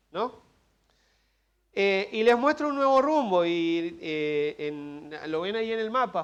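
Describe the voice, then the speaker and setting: Argentine man, pastor, high voice; preaches through a text in a chatty way, joking and asking the congregation questions. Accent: Argentine Spanish. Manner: conversational preaching with asides, humor and questions to the congregation. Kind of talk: expository sermon. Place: church service.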